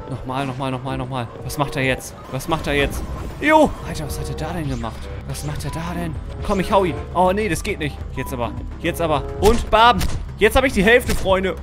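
A man doing let's-play commentary of a horror game, talking straight to his viewers, jumpy and quick to yelp and shout when startled. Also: sits high. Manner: keeps addressing viewers as friends. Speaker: gaming YouTuber.

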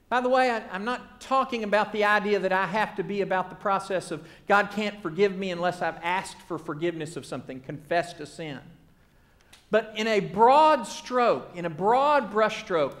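A man preaching from the pulpit in a notably high voice. He builds his points through earnest, rhythmic repetition. He often lets a phrase sink down to a soft hush at its close. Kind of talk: sermon.

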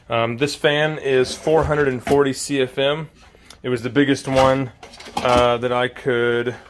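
A man talks through his garage build in a relaxed, unscripted way, filling pauses with ums and uhs. His voice sits at an ordinary middle pitch. It sounds like a home DIY video recorded on the spot. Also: background noise. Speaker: DIY vlogger. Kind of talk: casual walkthrough narration.

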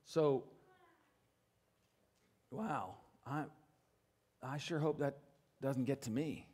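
Speaking extremely slowly in a husky voice, a middle-aged pastor preaches from a church stage. He veers from loud, insistent pronouncements to low, quiet asides and asks his listeners to affirm what he says.

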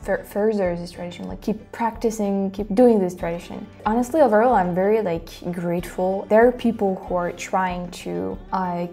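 A woman's voice: medium pitch, dark tone. A young woman from France with a French accent, a native French speaker, commenting casually to camera as a video host. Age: young adult. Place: small room at home, indoors.

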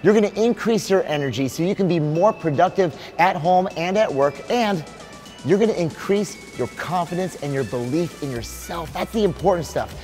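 A man in his forties, a fitness coach hosting a promo, talking in an upbeat, energetic, salesy way on a lapel mic in a bright studio. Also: high-pitched, normal speed, faint music behind. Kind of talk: scripted promo pitch. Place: large bright indoor studio.

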